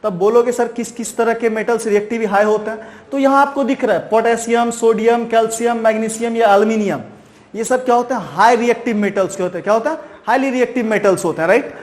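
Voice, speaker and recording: Male science teacher, very high voice, quizzes the class with rhetorical questions and repeats key terms. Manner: keeps asking and answering his own questions; repeats key terms slowly, ends points with "right". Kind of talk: chalk-and-talk science lesson.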